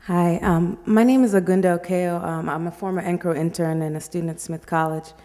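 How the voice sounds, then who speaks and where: A woman's voice: on the low side, steady tone, fairly quick, dark tone. Young Kenyan-born woman asking in a hall. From Kenya, raised in New York. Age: young adult. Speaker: audience member asking a question. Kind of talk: public Q&A question. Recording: reverberant hall.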